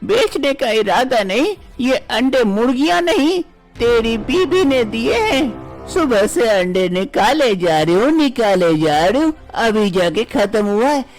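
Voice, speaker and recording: A woman's voice: a little high, big pitch swings, unhurried, a little mellow, faint music behind, voice pushed up. A woman voicing a bossy older mother-in-law in a cartoon story, scolding and dismissive in a brusque manner. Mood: grumbling.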